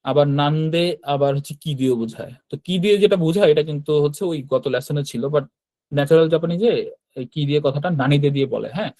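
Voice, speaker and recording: A man's voice: a little high, fast, dark tone, no room sound. A man teaching a Japanese grammar lesson, explaining step by step and often checking in with short tag questions. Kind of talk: classroom-style grammar lesson.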